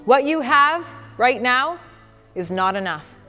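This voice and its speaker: A woman's voice: high-pitched, lively intonation, takes it slowly. A woman preacher delivering an emphatic, repetitive sermon in a church. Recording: reverberant hall with soft music.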